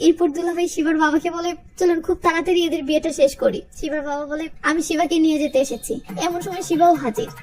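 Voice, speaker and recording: Very high, fast woman narrator. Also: fairly even intonation, darkish tone. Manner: brisk storytelling, reading out every character. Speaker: film recap narrator. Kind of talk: fast movie recap narration. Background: background music.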